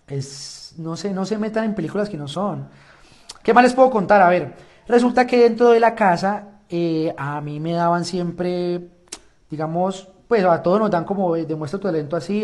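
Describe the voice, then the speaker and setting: This reality show contestant is a young man recounting his version of events in a relaxed talk to camera, performing the lines people said. He speaks in a high, unhurried voice that sounds a little mellow.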